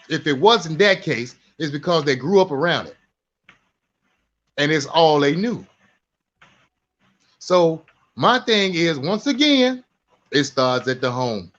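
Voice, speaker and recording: A man, co-hosting a podcast, telling a story and preaching a little. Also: a little high. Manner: storytelling, preachy, keeps saying "you know what I'm saying". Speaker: podcast co-host. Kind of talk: casual opinion talk. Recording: dull lo-fi sound.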